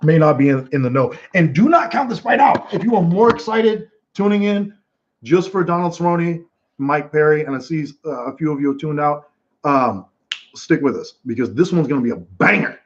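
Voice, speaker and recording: A man hosting casual live fight commentary from home, telling stories in a rambling, animated way with many restarts. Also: fairly high pitch, moderate pace. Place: home room watching fights. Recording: dull lo-fi sound.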